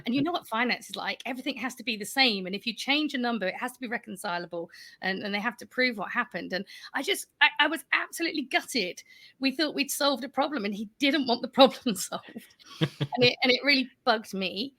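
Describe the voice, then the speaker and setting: A woman, a panel guest on a video call, telling a lively, self-deprecating career story and laughing as she talks. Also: a little high, a little fast.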